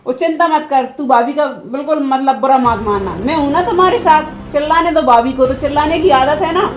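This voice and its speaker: A woman's voice: sits high, a little fast, natural voice. A woman playing a bossy older mother-in-law in a family skit, barking orders at her daughter-in-law and doting on her own daughter. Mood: soothing. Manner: commanding, scolds her daughter-in-law, soothes her daughter. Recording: echoey room with music behind.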